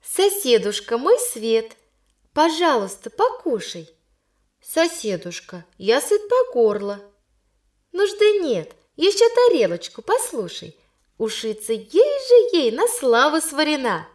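A woman's voice: high-pitched, wildly swooping pitch, slow, darkish tone, heavily acted. A woman doing a shy reciting schoolgirl. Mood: earnest. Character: young schoolgirl shyly reciting a fable.

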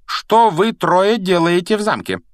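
A man voicing a strict older woman professor in a storybook reading, speaking in a cold, clipped, measured way. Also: mid-range voice, big pitch swings, no room sound, studio quality, voice pushed up, close to an everyday voice. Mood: stern, cold.

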